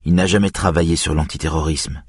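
A man reading an audiobook, voicing a tired but determined young woman detective with quiet, clipped replies in a husky voice. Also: a bass voice, steady tone, a little fast, dry recording, clean studio sound. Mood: tired, firm.

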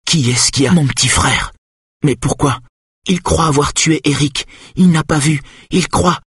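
A man's voice: a little high, unhurried, a bit bright, breathy edge, no echo, studio quality, voice pushed up, full character voice. A man voicing a terrified, trembling young woman who whispers urgently and cries out in desperation. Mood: frightened whisper.

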